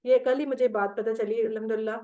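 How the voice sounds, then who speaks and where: A woman's voice: a little high, steady tone, fast, dark tone, highs cut off. A woman teaching Quranic Arabic grammar in an online class, patient and step by step, reciting verb tables. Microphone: video call.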